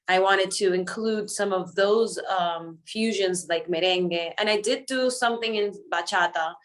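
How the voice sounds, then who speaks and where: A woman raised in the Dominican Republic, a singer guest who answers interview questions in a chatty way and slips between English and Spanish. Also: medium pitch. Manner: chatty and warm, laughs often, switches between English and Spanish.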